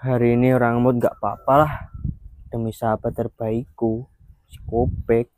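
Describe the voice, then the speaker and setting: A man's voice: medium pitch, level tone, normal speed, warm tone, no room sound, lightly acted. A man playing a brash, bossy young man who hurries everyone along in a comedy skit. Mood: unsure. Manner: bossy, hurrying others along.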